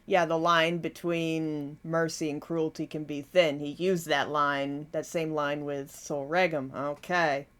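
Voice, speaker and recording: A woman's voice: low voice, measured pace, hardly any pauses, slight background noise. Emphatic woman reacting to a show. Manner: expressive, exclamatory, swears freely. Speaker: reaction video host. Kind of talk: casual reaction commentary.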